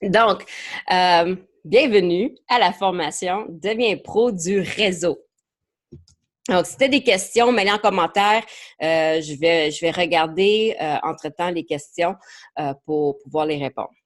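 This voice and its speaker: A marketing coach runs a live online training session in a lowish, slightly slow voice. She is a native English speaker with an English Canadian accent, chatting casually in French sprinkled with English words, often hesitating and repeating herself.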